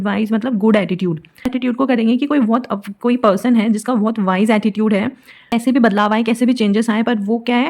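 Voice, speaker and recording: A woman's voice: on the high side, a little mellow. Chatty Indian woman teaching vocabulary tricks. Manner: playful, spells out memory tricks in a chatty storytelling way. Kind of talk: casual explaining lesson.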